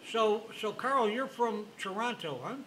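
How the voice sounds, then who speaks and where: Rambling, bright-voiced male talk show host. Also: high-pitched, expressive, a little hiss or hum, low-quality recording. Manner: friendly, rambling, halting speech. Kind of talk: casual talk show interview.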